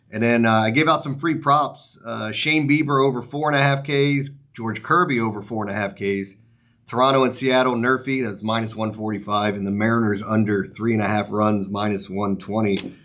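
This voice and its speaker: A man's voice: lowish voice, a bit bright. A man hosting a sports betting show, talking casually and ramblingly to viewers with mild swearing, his articulation slightly off as if his mouth is numb from the dentist. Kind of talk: casual sports picks commentary, straight to viewers.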